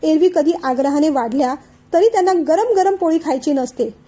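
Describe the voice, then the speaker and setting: Tearful sulking young wife read by a woman, high mellow voice, audiobook drama. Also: moderate pace, natural voice. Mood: tearful complaint. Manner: complaining through tears.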